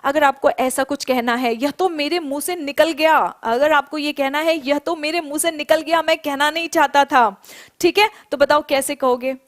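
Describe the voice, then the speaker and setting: High-voiced woman teaching spoken English. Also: fairly even intonation. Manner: explains in Hindi, drills English phrases slowly for students to repeat. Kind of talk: online spoken English class.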